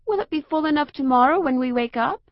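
An earnest seven-year-old boy from a storybook , put on by a woman, speaking in a raised, childlike pitch. He is matter-of-fact and blunt. The recording is dry and a bit dull. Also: animated, fast talker, no room sound.

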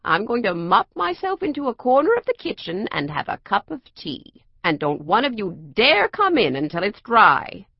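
A woman's voice: mid-range voice, huge pitch swings, normal speed, few pauses, husky, dry recording, dull audio, exaggerated voice. A woman voicing an elderly, roly-poly housekeeper who scolds the children fondly. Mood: fond scolding. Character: elderly woman housekeeper, fond and mock-stern.

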